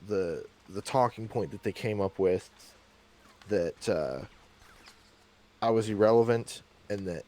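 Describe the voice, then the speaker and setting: A man's voice: lowish voice, darkish tone. A man in a casual podcast chat, rambling and acting out what others said to him. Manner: rambling, quotes others in put-on voices. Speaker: podcast guest.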